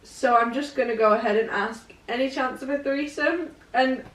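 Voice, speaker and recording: A woman's voice: high voice, fairly bright tone. Northern english girl chatting books, laughs a lot, kinda far from the mic, echoey room. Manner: chatty, laughs often, quick asides. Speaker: podcast co-host. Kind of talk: casual book chat.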